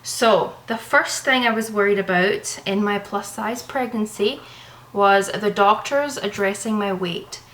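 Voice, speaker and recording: Talking casually into her camera mic, this young Canadian vlogger is breathless, meandering and comforting. She speaks at a measured pace in a medium pitch with a slightly bright tone, and the audio is rough.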